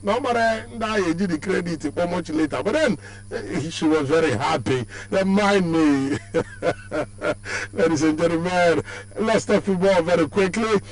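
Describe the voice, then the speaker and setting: A man with a Nigerian accent and a baritone voice, hosting a sports show on radio in a lively, sing-song way, with many fillers and restarts. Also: moderate pace, low-quality recording. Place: radio studio. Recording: radio stream with faint hum.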